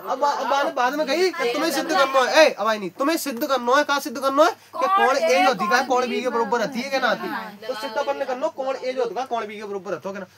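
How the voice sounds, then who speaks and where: A woman's voice: high voice, quick pace. A woman teaching a math lesson in a regional Uttar Pradesh Hindi dialect, asking question after question and repeating the answers back. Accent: Western Uttar Pradesh Hindi dialect. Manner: repetitive call-and-response questioning in a rural dialect. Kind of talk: classroom tutoring lesson. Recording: noisy classroom with chatter. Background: students chattering.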